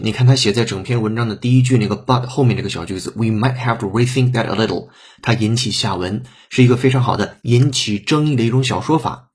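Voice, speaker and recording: A man's voice: fairly low pitch, darkish tone, slightly rough. A man teaching an English lesson, breaking sentences down step by step and sometimes spelling words out letter by letter. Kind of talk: explanatory language lesson.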